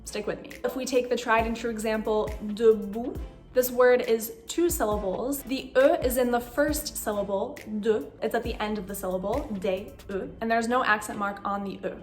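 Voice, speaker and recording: A woman teaching pronunciation in a slow, careful instructional manner, sounding out words and single sounds deliberately. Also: fairly high pitch, steady tone, faint music behind.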